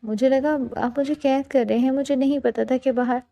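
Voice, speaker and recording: A frightened young bride who talks in a tearful, hesitant way, read aloud by a woman. The voice is raised and gravelly, with a soft, mellow tone. It fits a romance audiobook. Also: high-pitched, fairly even intonation.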